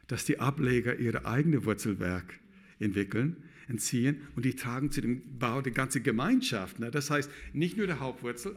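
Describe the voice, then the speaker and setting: A middle-aged pastor preaching a sermon, talking with loose, broken grammar and turning to the congregation with questions. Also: male voice, medium pitch. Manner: lively, addresses the congregation with questions.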